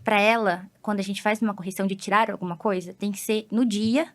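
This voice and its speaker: A woman's voice: medium pitch, fairly even intonation, quick pace. A woman psychologist with a Brazilian accent, patiently explaining things with everyday examples as a podcast guest.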